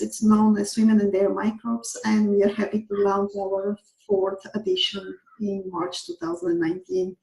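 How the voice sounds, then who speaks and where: A woman's voice: medium pitch, background noise. Roomy-sounding woman from Bulgaria. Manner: earnest, explains step by step with many fillers. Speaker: guest researcher. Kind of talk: explanatory interview talk. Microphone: video call.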